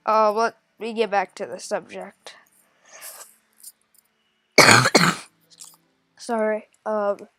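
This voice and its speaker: A woman's voice: mid-range voice, a bit bright, smooth, no echo, studio quality. A woman with a stuffy nose from a cold, thinking aloud and correcting herself as she walks through a casual game tutorial. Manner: thinks aloud, hesitant, many pauses and self-corrections. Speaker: gaming tutorial creator. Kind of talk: casual screen-recorded game walkthrough.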